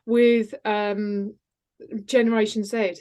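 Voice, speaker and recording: A woman's voice: mid-range voice, flat delivery, slow, mellow, smooth. A middle-aged woman, talking earnestly and frankly as a guest on a podcast interview. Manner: emphatic, candid, earnest. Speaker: guest, executive mentor and coach.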